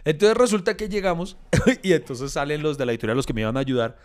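A middle-aged Colombian man spins a story on a casual podcast, acting out the voices of the people in it. His voice sits a little high for a man. He keeps the telling lively and loose. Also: fast talker. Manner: animated storyteller, acts out quoted voices. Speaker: podcast co-host.

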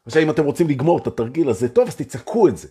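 A man leading a live motivational session as a spiritual teacher. His voice is very husky and breathy, with a mellow, warm tone. His pitch swings widely as he talks, and he repeats phrases in a playful way. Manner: animated, repetitive, playful. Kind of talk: live-streamed motivational talk.

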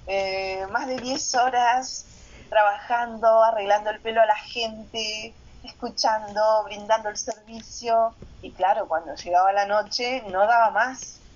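A woman sharing her personal story in a reflective testimony, pausing often with soft fillers. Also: on the high side, steady tone, dull audio.

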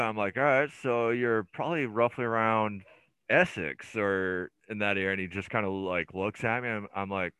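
Guy on a podcast telling stories, bright clear voice, dry sound, lots of ums. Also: lowish voice, no echo. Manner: rambling storyteller with many fillers and restarts. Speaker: podcast guest. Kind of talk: casual chat.

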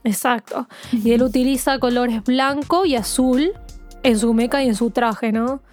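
A woman's voice: fairly high pitch, fairly even intonation, a little slow, darkish tone, soft background music. A woman co-hosting a podcast, casually explaining a film and often tagging her points with a questioning "no?". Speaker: podcast co-host.

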